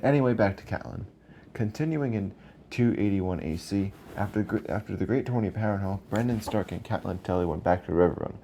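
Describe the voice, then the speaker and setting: A man with a low, dark voice narrates a video in an informal, scripted way. His words are slightly slurred by the retainer he is wearing, and he sometimes trips and restarts. A faint noise sits behind the voice. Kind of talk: casual scripted narration with asides.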